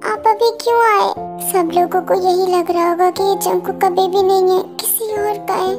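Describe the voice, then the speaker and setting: A woman's voice: extremely high pitch, steady tone, moderate pace, music in the background. Woman voicing an anxious young pregnant woman. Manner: anxious, defensive. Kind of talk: amateur fan audio drama.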